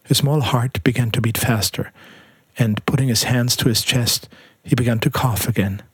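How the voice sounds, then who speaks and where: Man, audiobook narration, husky voice, dry close sound, measured. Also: mid-range voice, dry recording.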